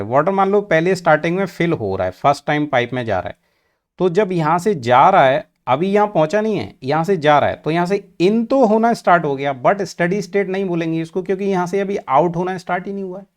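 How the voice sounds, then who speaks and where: A man with an Indian accent teaching engineering, mixing Hindi and English and asking questions he then answers himself. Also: a little high. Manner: mixes Hindi and English, asks and answers his own questions; slow and deliberate, stretching out key terms. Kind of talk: classroom lecture.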